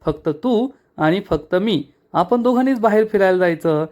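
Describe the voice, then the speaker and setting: A man voicing a confident young man who woos in a smooth, easy tone. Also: sits high, expressive, moderate pace, darkish tone. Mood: wooing.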